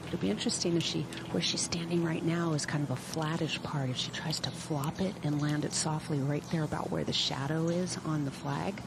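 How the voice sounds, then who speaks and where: A woman's voice: low voice, fairly even intonation, fairly quick, hardly any pauses. A woman working as a golf commentator, giving explanatory live analysis of play. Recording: clear background noise, outdoor ambience. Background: outdoor ambience noise.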